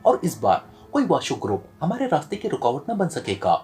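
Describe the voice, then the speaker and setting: A man voicing a stern, sharp-witted male secret agent, reading in a serious tone from an audio novel. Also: fairly high pitch, wildly swooping pitch, normal speed.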